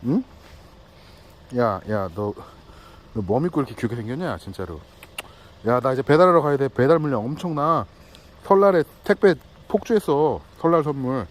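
A man's voice: mid-range voice, lively intonation, moderate pace, pauses often. A male delivery driver in a casual vlog, cooing and teasing two small dogs outdoors in baby talk. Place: outdoors at a house yard.

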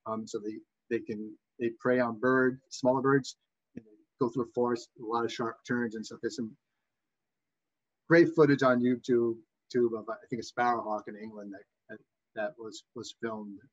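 A man from Massachusetts with a Boston accent gives an informal slide lecture as an instructor, in a halting, backtracking way with a slightly husky voice. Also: medium pitch, fairly even intonation, highs cut off. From Massachusetts, USA. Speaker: bird identification instructor.

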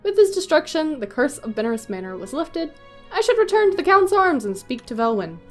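Young woman doing sarcastic gaming commentary, really animated pitch, bit of music behind. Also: brisk. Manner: wry, sarcastic. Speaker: let's play host.

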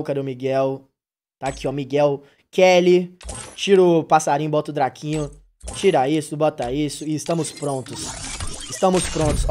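A young man streams a mobile game live. He jokes with his chat and teammates in loose, slangy banter, trolling and hyping the match. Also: a little high. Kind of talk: casual gaming livestream chat.

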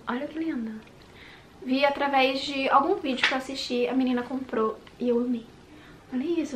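A Brazilian woman talks straight to her camera in a casual makeup vlog. Her voice sits high, and she gushes excitedly, then drops to a whisper now and then. A faint hiss runs under the recording. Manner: gushing and excitable, dropping into whispers. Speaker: beauty vlogger. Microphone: handheld compact camera.

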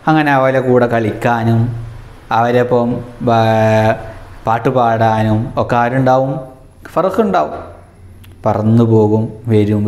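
A man's voice: mid-range voice, roomy sound. A man, telling a story as a lesson for young children and often asking them questions. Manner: animated, asks children questions, rising voice for emphasis. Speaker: Arabic teacher for young children.

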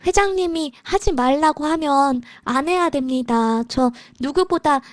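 High-pitched cute anime-style woman streamer. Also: measured pace, no echo. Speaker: live streamer, virtual idol. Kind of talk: casual live stream chat with viewers.

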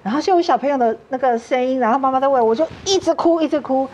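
A woman's voice: sits high, fast, darkish tone, lo-fi sound, a little hiss or hum. A woman with a Taiwanese Mandarin accent, a talk show guest earnestly telling a personal story and acting out what others said. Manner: earnest, acts out quoted dialogue.

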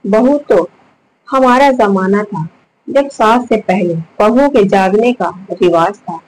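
A woman's voice: medium pitch, takes it slowly, a little hiss or hum, close to an everyday voice, rough recording. A woman voicing a doting, insistent middle-aged mother-in-law in a spoken story. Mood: coaxing. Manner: affectionate, insistent.

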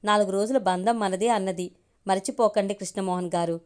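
Storybook figure: a gentle, sorrowful young woman, read by a woman, soft pleading. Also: mid-range voice, steady tone, fairly quick, lightly acted.

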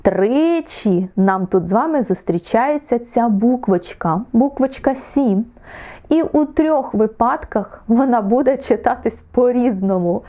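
A woman from Ukraine teaching English pronunciation in an online lesson, encouraging her students and drawing out each example word slowly. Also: fairly high pitch, lively intonation, mellow.

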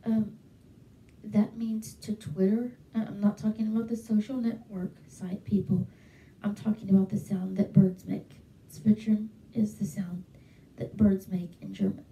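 A young woman vlogs casually to camera from her small bedroom at home, chatty and enthusiastic with frequent fillers. Her voice is medium-pitched, level, unhurried, and dark. She uses a handheld mic held close and a webcam, yet the sound is roomy and echoey, as if from a distance.

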